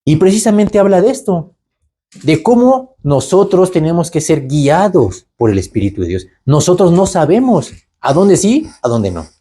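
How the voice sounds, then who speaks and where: A man preaching. His voice is dark and a little husky, and it swoops up and down through a wide pitch range. He keeps asking the listeners rhetorical questions. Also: moderate pace. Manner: animated, asks rhetorical questions, tags lines with "¿verdad?". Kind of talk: conversational Bible teaching.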